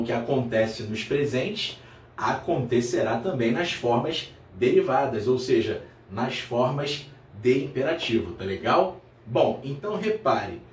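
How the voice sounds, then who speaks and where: A male Brazilian Portuguese teacher giving a grammar lesson to his viewers, slowing down to repeat key terms and checking in with the student. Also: mid-range voice, darkish tone, recorded from a distance, a little hiss or hum. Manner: addresses viewer as "meu aluno", checks in with "tá legal?". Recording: echoey room, voice off-mic.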